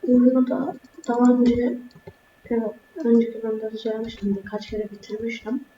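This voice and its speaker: A gaming YouTuber records let's-play commentary for her viewers in a room at home, speaking softly and keeping her voice down but crying out whenever something startles her. Her voice sits a little high, with a flat, slightly fast delivery. The lo-fi recording has an echoey room sound and a faint hiss or hum.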